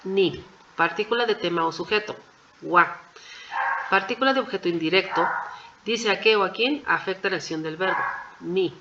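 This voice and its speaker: A woman's voice: mid-range voice, normal speed, noisy background. Patient woman teaching, slightly dull recording. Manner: patient, methodical, checks in with "¿sí?". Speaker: Japanese language teacher. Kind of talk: explaining an exam answer by answer.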